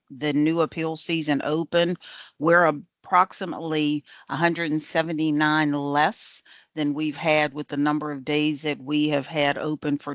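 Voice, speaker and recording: A staffer delivers a formal report to a board, measured and matter-of-fact. The voice sits at a middle pitch with very little movement, in a dry, close sound. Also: no room sound.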